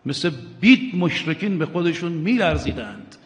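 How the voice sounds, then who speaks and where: A man preaching an impassioned sermon, swinging between hushed and loud and questioning his listeners directly. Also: fairly high pitch, animated. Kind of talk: religious sermon. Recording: long hall reverb.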